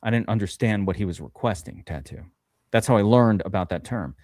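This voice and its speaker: A man's voice: on the low side, animated, brisk, a little mellow, no echo, studio quality. Rambling man on a live stream. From USA. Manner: rambling storyteller, swears freely, many fillers. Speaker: podcast host drafting fantasy football. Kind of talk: casual live-stream chat.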